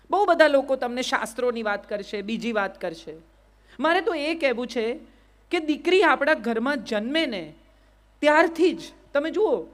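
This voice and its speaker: A middle-aged woman with a Gujarati accent gives a motivational speech to a live audience. She keeps asking the crowd rhetorical questions and repeats "yes or no". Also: high voice. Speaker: public speaker.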